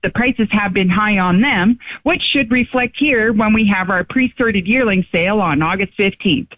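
A woman's voice: medium pitch, moderate pace, no room sound. A woman with a Canadian accent reading a scripted livestock market farm report for radio over a phone line. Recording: tinny, dry phone line.

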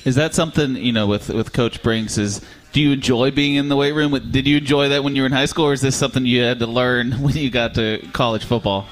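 A man's voice: mid-range voice, fairly even intonation, fast talker, few pauses. Rambling co-host man with a middle voice. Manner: rambling, conversational questions. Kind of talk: sports radio interview.

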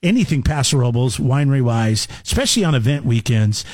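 A man's voice: medium pitch, big pitch swings, darkish tone, dry recording. Man, radio host, joking, casual chat, dry studio sound. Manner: joking, teasing, quick. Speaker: radio morning show host. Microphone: studio microphone.

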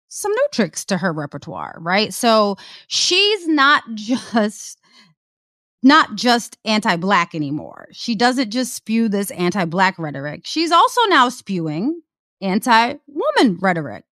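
Lively sarcastic woman podcast host. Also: mid-range voice, dry recording, clean studio sound. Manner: sarcastic, animated commentary. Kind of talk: casual podcast chat.

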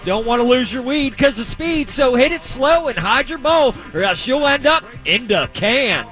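A man's voice: extremely high pitch, animated, a bit bright, soft background music, pitched above the performer's own voice. A man doing a trucker calling over a CB radio. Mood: hyped. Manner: trucker CB slang, rapid patter. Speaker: sports radio co-host. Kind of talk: comic radio segment bit.

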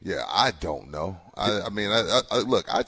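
A man's voice: deep voice, sing-song, normal speed, sharp tone, husky. A man co-hosting sports radio in casual banter, wry and dismissive, often repeating himself.

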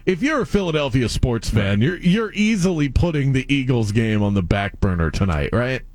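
A man of average pitch hosting a sports talk show, upbeat and teasing as he fires off quick questions. The sound is dry and close, with no room echo at all. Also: sing-song, a little mellow. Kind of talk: casual sports chat.

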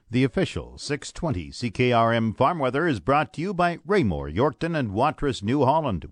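Male Canadian farm radio announcer, animated scripted news read, dry close studio sound. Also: mid-range voice, dry recording. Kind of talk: scripted broadcast narration of market news and sponsor reads.

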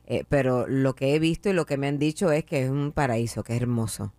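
A man's voice: medium pitch, a little fast, dry recording. Male co-host, easygoing talk, mid voice, dry and close. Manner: relaxed, conversational, drops English asides. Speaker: radio co-host. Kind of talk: casual radio talk.

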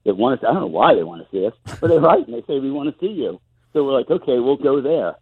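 A musician appearing as a guest speaks from home over the phone, later on speakerphone, in a casual interview full of wry, downbeat self-mockery. He talks fast in a sing-song, mid-range voice with a breathy edge, and the audio is tinny and muffled.

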